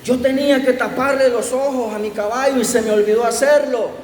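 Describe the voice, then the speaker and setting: A man's voice: very high-pitched, fairly even intonation, fairly quick, darkish tone. A man preaching plays a stubborn, proud owner who insists his donkey is a horse. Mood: aggrieved. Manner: insistent, stubbornly sure of himself. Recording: echoey hall, faint room noise.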